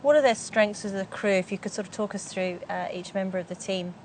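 A woman's voice: mid-range voice, fairly quick, a little mellow, slight background noise. Woman interviewer asking direct questions. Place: outdoors in a park.

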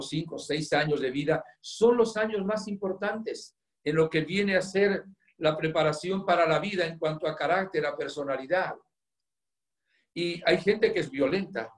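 A male priest telling a story during a sermon, earnest, swinging between loud emphasis and hushed moments. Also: on the high side. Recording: roomy echo.

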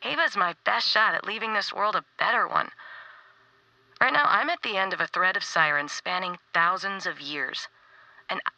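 A woman playing a tender but stubborn warrior in a video game, confiding in a heartfelt, halting way. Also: mid-range voice, gravelly, pushed and bright, dry recording, highs cut off, heavily acted. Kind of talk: video game character acting.

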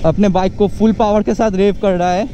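Excited young man vlogging from a motorbike. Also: sits high, fairly quick. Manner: excited, chatty, keeps calling out to viewers. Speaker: motovlogger. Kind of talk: casual running commentary while riding. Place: outdoors on busy city roads, riding a motorcycle. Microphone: action camera on the rider. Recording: loud road and engine noise.

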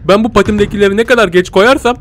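A man giving casual Let's Play commentary, jumpy and excitable, swinging from tense whispers to loud yelps and talking to his viewers. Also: sits high, very fast, a little hiss or hum. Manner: talks to viewers as "pisicikler". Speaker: gaming YouTuber.

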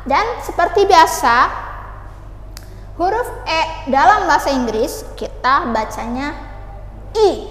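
A young woman teaching English pronunciation to beginners, patiently asking and answering her own questions and modeling words slowly. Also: sits high, lively intonation, fairly bright tone, faint music behind. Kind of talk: beginner language lesson. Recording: echoey room with long reverb, faint ambience.

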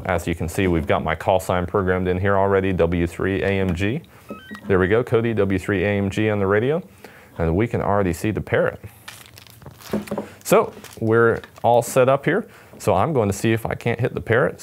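A radio company's product demonstrator, a man in his twenties, speaks casually and upbeat to camera from a studio set with a table. His pitch is fairly low, and there's a little hiss or hum along with background music.

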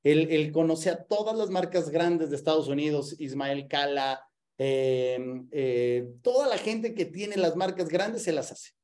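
A man speaks as a business coach on a video call, pitching with enthusiasm and heavy emphasis. His voice sits a little high for a man, with a warm, mellow tone. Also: unhurried. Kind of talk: online masterclass presentation.

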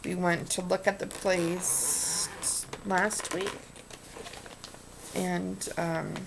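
This thirties-aged woman speaks extremely slowly in a gravelly, lowish voice with a steady tone while showing her purchases in a home vlog. She rambles with ums and restarts toward a desk webcam in a small indoor room, with background noise audible.

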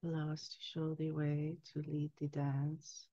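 A woman in her sixties speaking as a trance medium, solemnly delivering a spiritual message in measured phrases with long pauses. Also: deep voice, completely flat delivery, dark tone, dry recording. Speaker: trance channeler. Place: small candlelit room indoors. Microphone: headset boom mic. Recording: dull, lo-fi headset sound.

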